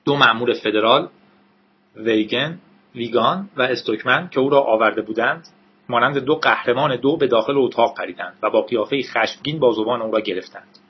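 A man reads a story aloud in a steady, dramatic narrating style. His voice has a husky grain, and the recording sounds dull and lo-fi. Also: mid-range voice.

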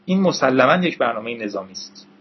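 A man's voice: medium pitch, sing-song, husky, lo-fi sound. A man voicing a brash, suspicious young male computer whiz who makes blunt, scornful remarks, in an audiobook reading.

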